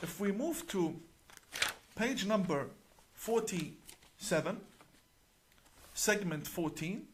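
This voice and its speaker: A man with a somewhat high-pitched voice delivers an explanatory talk straight to camera. His manner is deliberate and emphatic as he works through his sources page by page, stressing key points. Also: lively intonation, background noise. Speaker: religious cleric.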